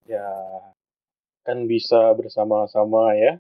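A man's voice: fairly low pitch, flat delivery, takes it slowly, no echo. A man playing a flirtatious married doctor who dodges questions with sighs and hesitation, in an amateur skit. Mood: flirty. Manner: evasive, sighing, hesitant. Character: flirtatious married male doctor, evasive and weary. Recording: tinny phone-like lo-fi sound.

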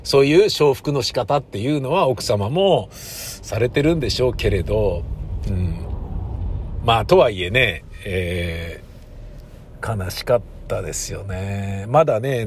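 A man's voice: medium pitch, animated, normal speed, slight background noise. Wistful man telling stage memories. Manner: wistful storyteller who acts out quoted lines. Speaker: stage actor. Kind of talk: casual spoken reminiscence.

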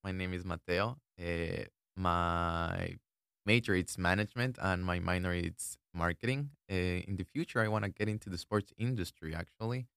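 A man's voice: low voice, normal speed, vocal fry, a bit bright, clear, resonant tone, no echo, studio quality. A young man, chatting in a laid-back, thoughtful way as a student guest. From Ecuador. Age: 20s. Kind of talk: casual chat.

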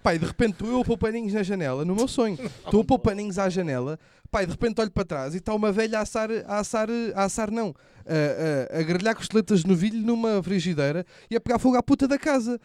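A man telling stories in casual banter, animated, slangy and full of swearing. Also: sits high, quick pace, hardly any pauses, dry recording, clean studio sound. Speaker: podcast host.

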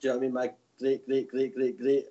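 A man's voice: mid-range voice, completely flat delivery, quick pace, warm tone, highs cut off. A man from the Glasgow area with a broad Glaswegian accent, telling anecdotes in loose, colloquial, rambling chat. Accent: broad Glaswegian Scottish. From Glasgow area, Scotland. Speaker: guest, tour operator. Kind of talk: casual chat.

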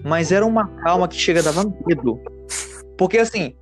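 A man's voice: high-pitched, lively intonation, fairly quick, music in the background. A man in casual chat, telling a personal story in a rambling way with many fillers.

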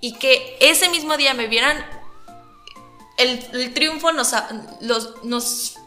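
Mexican woman guest on an interview, kinda high bright voice, earnest and animated. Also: takes it slowly, faint music behind. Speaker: interview guest, pageant winner. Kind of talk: casual interview answers.

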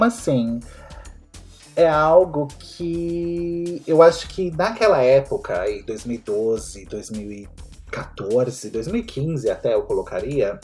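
A man with a Brazilian Portuguese accent chatting casually, animated and acting out bits of dialogue as he tells stories. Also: mid-range voice. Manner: animated storyteller, acts out dialogue. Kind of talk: casual chat.

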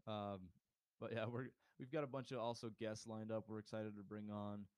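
Young male podcast co-host, low smooth voice, dry close sound, loose rambling delivery. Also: little pitch movement, moderate pace, a little mellow, no room sound. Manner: rambling, laughs often, restarts. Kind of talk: casual podcast chat.

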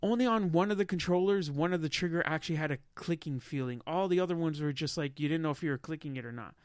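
A man's voice: a little high, fast, smooth, no echo, clean studio sound. A man co-hosting a casual tech podcast, chatty and loose, with many fillers and restarts. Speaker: podcast co-host.

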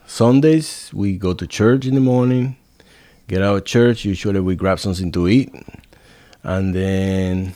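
Low-voiced Puerto Rican man, modest and brief. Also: steady tone, a little slow, warm tone. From Puerto Rico. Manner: modest, brief answers, a bit nervous. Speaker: restaurant owner and chef, guest. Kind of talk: casual interview chat.

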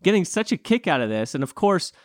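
A man's voice: high-pitched, very animated, fast talker, no echo, studio quality. A man hosting a casual faith conversation, easygoing and affirming, telling anecdotes about his son.

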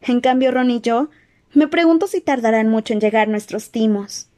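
Una mujer que lee un audiolibro y pone la voz de una joven bruja lista e impaciente, aguda y apresurada. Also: female voice, fairly high pitch, mellow, pitched above the performer's own voice, close to an everyday voice. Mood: anxious. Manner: quick, anxious, insistent. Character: eager clever teenage witch girl. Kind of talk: audiobook character voice.

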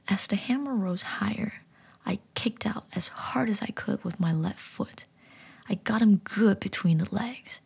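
A woman's voice: medium pitch, vocal fry, slightly rough. Whispering woman telling a horror story. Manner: whispering throughout.

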